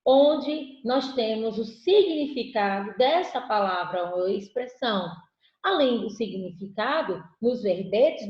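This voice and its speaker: In an echoey room with dull, lo-fi audio, a Brazilian Portuguese-speaking woman teaches an online lesson. Her voice sits in the mid range with a darkish tone. She patiently poses questions to the class and then answers them herself.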